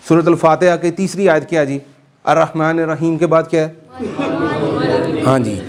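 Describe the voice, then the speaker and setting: Male religious teacher giving a Quran lesson, lively emphasis, quizzes his class. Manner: animated, rising pitch for emphasis, asks the class questions.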